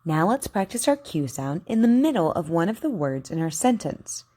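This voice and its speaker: A woman giving an instructional speech drill, over-enunciating in a deliberate, careful way as she models sentences for repetition. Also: on the low side, very animated, mellow. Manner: encouraging.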